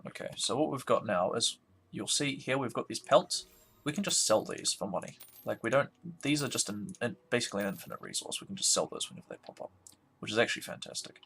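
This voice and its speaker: A man's voice: mid-range voice, animated, fast talker, vocal fry, a bit bright. A tired man talking casually through a strategy game he is playing, thinking aloud and yawning now and then. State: sleepy, yawning. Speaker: let's play host. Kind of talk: casual gameplay commentary.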